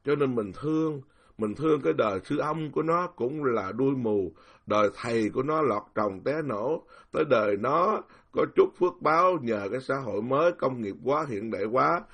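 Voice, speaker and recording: An older Buddhist monk with a Southern Vietnamese accent talks casually with a gravelly, husky voice. He sounds indignant and rambling, stumbling over repeated words and laughing now and then. It is an informal spoken dharma talk. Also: medium pitch, expressive, moderate pace, fairly bright tone.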